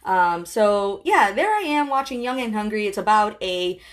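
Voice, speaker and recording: A woman's voice: medium pitch, lively intonation, normal speed. A woman in her thirties talking casually and encouragingly to a live-stream audience, chatty and full of fillers. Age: 30s. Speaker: host.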